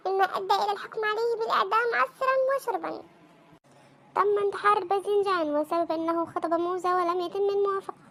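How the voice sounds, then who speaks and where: A woman's voice: very high-pitched, sharp tone, slight background noise, full character voice. A woman voicing a mock-serious news anchor who reads a silly bulletin in a comedy cartoon. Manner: pompous newsreader delivery.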